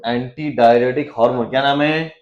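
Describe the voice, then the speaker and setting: A man teaching biology in a classroom, firing questions at students and teasing them, with quick low asides. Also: fairly even intonation, dull audio. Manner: quizzes students with repeated questions, teasing and joking. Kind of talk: lively classroom lecture.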